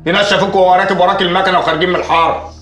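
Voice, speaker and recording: Brusque Egyptian cop, rapid commands, roomy echo. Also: male voice, high voice, fairly even intonation, fairly bright tone. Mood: stern. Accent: Egyptian Arabic. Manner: curt and commanding. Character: blunt police officer questioning locals.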